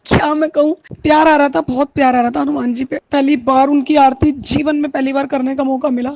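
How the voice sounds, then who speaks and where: A woman's voice: high-pitched, level tone, fairly quick, creaky, a little mellow, a little hiss or hum. Tearful woman sharing a devotional testimony. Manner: tearful, heartfelt, mixes Hindi with Punjabi and English words.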